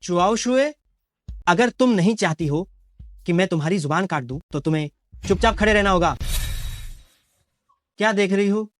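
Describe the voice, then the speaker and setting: Brief: man doing a cruel, scornful young groom for a drama dub, high, thin voice. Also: animated, normal speed, pauses often, no room sound. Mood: cold cruel. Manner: sneering and menacing. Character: cruel greedy young man betraying his lover. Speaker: dubbing actor. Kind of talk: Hindi dub of a short drama.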